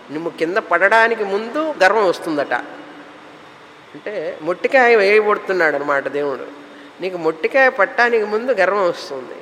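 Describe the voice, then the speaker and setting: High-voiced man giving a spiritual talk. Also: bright, forceful tone, in a large hall, slight background noise, rough recording. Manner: explanatory, lists terms in runs, mixes English words. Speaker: spiritual teacher. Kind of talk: spiritual discourse.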